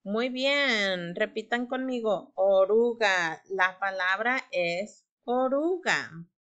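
A woman teaching a reading lesson, sounding out syllables slowly and clearly and having the class repeat after her. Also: medium pitch, expressive, sharp tone, lo-fi sound. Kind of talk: slow phonics reading lesson.

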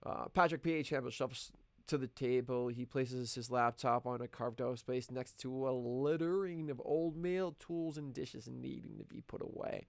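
A man's voice: mid-range voice, normal speed, vocal fry, no echo, studio quality. A man, a screenwriter, reading his own script aloud on a live stream and correcting himself as he goes. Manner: reading stage directions aloud, self-correcting.

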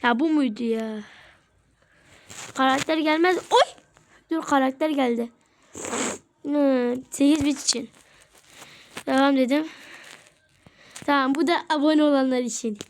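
A woman giving casual gameplay commentary as a channel host, chatty and excitable, taunting her opponents. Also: sits high, a little slow, pauses often.

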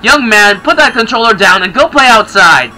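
A man doing a high-pitched scolding mom. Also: expressive, normal speed, sharp tone, soft background music, exaggerated voice, rough recording. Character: stern nagging mother.

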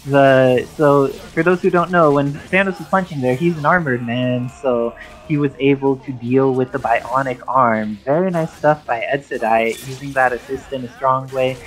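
With game music running underneath, a man provides clear, explanatory live commentary on a fighting game match in esports style. His voice is medium-pitched and steady, his pace moderate, and the recording is rough.

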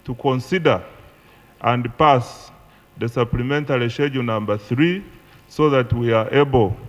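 A middle-aged man with a Ugandan accent reading a budget motion in parliament at a desk microphone. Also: mid-range voice. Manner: reads figures slowly from a paper. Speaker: government minister presenting a budget. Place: large parliament chamber. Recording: long chamber reverb.

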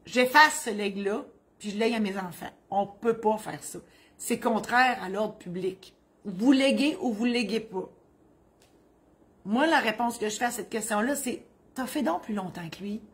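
A middle-aged woman speaks with a Quebec French accent, sitting at a mid pitch for her voice. She answers legal questions as a notary in a loose, joking manner. She wanders off into asides and then comes back to explain things in plain words. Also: normal speed. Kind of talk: humorous legal advice column.

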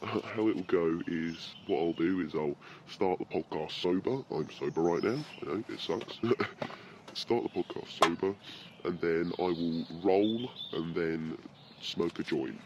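Deep-voiced British man rambling outdoors. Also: measured pace, dull audio, noisy background. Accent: British English. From Britain. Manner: rambling, swears freely, chuckles often. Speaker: podcast host. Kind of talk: casual rambling monologue. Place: outdoors in a forest. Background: birdsong.

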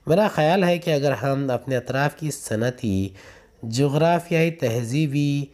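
This man, a school teacher, has a medium pitch, an expressive delivery, a measured pace and a darkish tone. He reads textbook Q&A aloud point by point, announcing the numbered items as he instructs.

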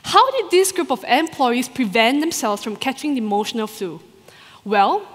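High-voiced woman giving a rehearsed talk. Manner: expressive, with rhetorical questions put to the audience. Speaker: doctoral researcher presenting her thesis. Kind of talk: rehearsed three-minute competition talk. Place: large hall before a live audience. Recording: long hall reverb.

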